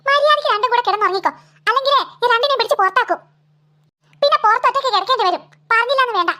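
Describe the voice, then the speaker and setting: A woman's voice: very high voice, racing, pushed and bright. A woman voicing a tired, scolding mother of two girls in a cartoon. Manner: nagging, exasperated scolding.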